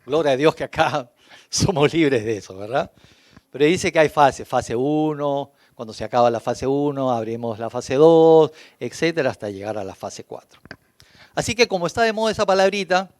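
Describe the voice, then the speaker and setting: A man's voice: fairly high pitch, dry recording, studio quality. A man with a Peruvian Spanish accent preaching a sermon as pastor, emphatic and building through long lists. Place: church.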